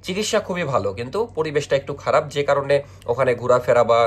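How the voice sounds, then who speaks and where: A man's voice: mid-range voice, fast talker, slightly rough. A young man, vlogging casually and tutoring a younger sibling in a chatty, scolding way. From Bangladesh. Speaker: family vlogger. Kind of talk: casual vlog narration and tutoring.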